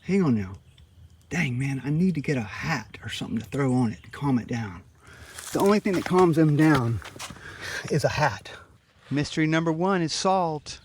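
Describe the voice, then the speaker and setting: A man's voice: fairly high pitch, lively intonation, moderate pace. A man hosting a wildlife video outdoors, talking to the camera in an exclamatory, admiring, colloquial way. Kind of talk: outdoor vlog narration, talking to camera and animals. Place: outdoors by a rural road. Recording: clear outdoor background noise. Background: outdoor noise.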